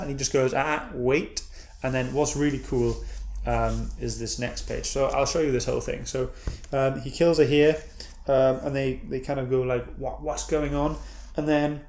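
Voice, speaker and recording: A man's voice: mid-range voice, dark tone. A man casually reviewing a comic book, retelling the story in a meandering way and often correcting himself mid-sentence. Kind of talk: casual read-and-review chat. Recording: echoey room.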